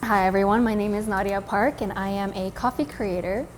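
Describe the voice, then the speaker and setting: With fairly even intonation and a slightly fast pace, a mid-range American-accented voice belongs to a woman in her twenties from California. A barista and coffee content creator, she chats reflectively to camera about her own life, and a little hiss or hum can be heard.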